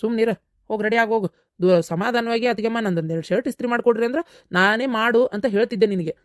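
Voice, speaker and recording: A woman with a North Karnataka accent voicing a calm mother who lectures patiently in a cartoon comedy. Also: on the high side, no room sound, clean studio sound. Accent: North Karnataka Kannada. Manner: quick, lecturing, calming. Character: mother-in-law, calm, scolding her son kindly.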